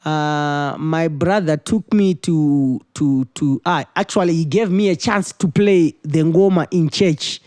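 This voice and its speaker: A man, a musician answering interview questions in a halting way and repeating words as he searches for phrasing. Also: on the high side, a little mellow, no room sound, clean studio sound. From Zimbabwe. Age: 20s. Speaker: musician guest.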